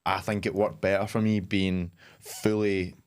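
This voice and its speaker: A man's voice: low-pitched, little pitch movement, unhurried, clean tone. A man in his twenties co-hosting a podcast, joking and rambling with lots of "like" and "you know what I mean". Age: 20s. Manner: jokey, rambling with many likes and you-know-what-I-means. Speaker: podcast co-host, coach. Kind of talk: casual chat.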